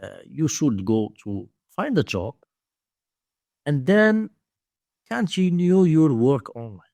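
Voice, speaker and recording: A man with a Moroccan accent speaks in a fairly high, creaky, warm voice with big pitch swings, recorded dry. He's an interview guest who teaches domain investing, telling stories conversationally in halting, repetitive non-native English.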